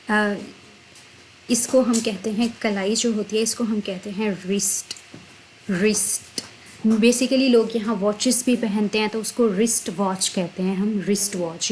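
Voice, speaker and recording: A woman teaching vocabulary, explaining each word in Hindi and repeating it slowly twice. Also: mid-range voice, darkish tone, slight background noise, rough recording. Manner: slow, drawn-out spelling of words, repeats each word twice. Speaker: English teacher.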